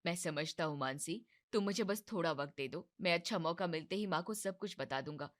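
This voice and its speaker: A woman plays the young husband in a cartoon family drama, speaking at normal speed in a natural voice. She lowers it to a soft, placating tone as he evasively soothes his wife and mother.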